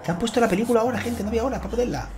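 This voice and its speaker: A man with a Spain Spanish accent giving chatty, excitable live gameplay commentary, swearing and thanking his viewers. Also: extremely high pitch, racing, music in the background. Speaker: gaming streamer.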